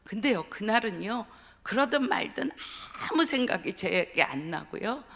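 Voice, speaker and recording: A middle-aged woman giving an earnest sermon with personal testimony, often dropping to a hushed whisper for emphasis. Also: medium pitch, animated, normal speed. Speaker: guest speaker at a dawn revival service. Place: church sanctuary. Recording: long church hall reverb.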